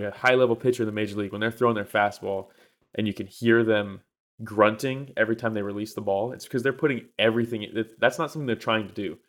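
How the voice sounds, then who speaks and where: A man co-hosting a podcast, telling a story in casual chat with lots of fillers and swearing. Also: on the low side. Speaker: podcast co-host.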